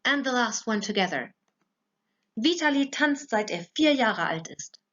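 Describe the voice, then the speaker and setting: A woman's voice: on the high side, expressive, unhurried, a bit bright. A woman teaches English grammar in a recorded lesson for schoolchildren. She goes patiently step by step and keeps checking that her pupils follow. The voice-over sounds a little dull and lo-fi. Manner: patient, explains step by step, often checks with "okay?".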